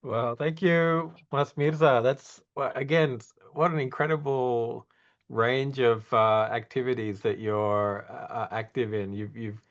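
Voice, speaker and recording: Male session host with a gravelly voice over a dull video-call line. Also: mid-range voice, fairly even intonation, unhurried. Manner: warm thanks, stumbling transitions. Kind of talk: hosting an online session. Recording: muffled video call audio.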